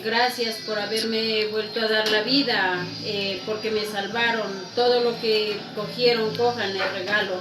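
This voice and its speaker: A woman's voice: medium pitch, fairly even intonation, unhurried, few pauses, far from the mic, noisy background, natural voice. A woman voicing a grateful young man, back from the dead, in a told folk tale. It is heard in an echoey room with music behind. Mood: pleading.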